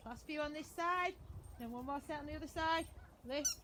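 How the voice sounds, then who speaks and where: A woman's voice: high voice, normal speed, noisy background. A woman fitness instructor leading a live workout class with short repeated commands, counts and encouraging cues. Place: outdoors in a back garden.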